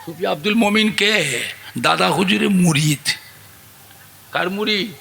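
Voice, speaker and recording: High gravelly preacher man. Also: lively intonation, unhurried. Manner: acts out dialogue, swings from hushed to shouted. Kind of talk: Bengali Islamic sermon with acted stories.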